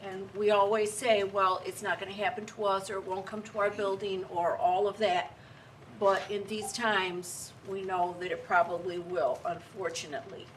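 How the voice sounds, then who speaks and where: A woman's voice: mid-range voice, little pitch movement, normal speed. A woman giving an earnest, insistent public comment as a member of the community addressing a board. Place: indoor board meeting room. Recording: distant mic, faint room noise.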